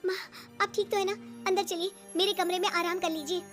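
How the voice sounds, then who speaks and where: A woman's voice: very high-pitched, fairly even intonation, fairly quick, a bit bright, soft background music. Woman voicing an indignant young bahu. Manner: indignant pleading. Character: young daughter-in-law, upset and indignant. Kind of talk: cartoon voice acting.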